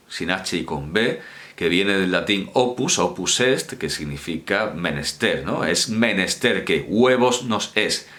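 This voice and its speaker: Male Spanish lecturer, deep voice, very animated delivery, brisk dismissive asides. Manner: lively, emphatic, demonstrates sounds aloud, dismissive asides. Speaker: university lecturer. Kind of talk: spoken grammar lecture.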